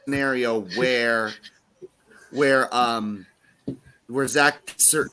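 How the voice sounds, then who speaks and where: A man talking casually on a podcast, halting and restarting his sentences, heard over a choppy internet call that keeps cutting out. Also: mid-range voice, steady tone, sharp tone, slight background noise, poor audio. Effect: choppy, glitchy internet call audio that cuts out. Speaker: podcast panelist joining remotely. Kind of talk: casual chat. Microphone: remote internet call.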